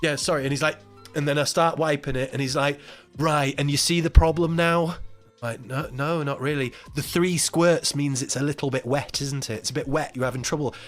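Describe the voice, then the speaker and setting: A man's voice: mid-range voice, brisk, faint music behind. A man hosting a live stream, telling a story in casual chat, acting out the voices of the people in it and laughing often. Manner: animated, acts out quoted voices, laughs often, swears.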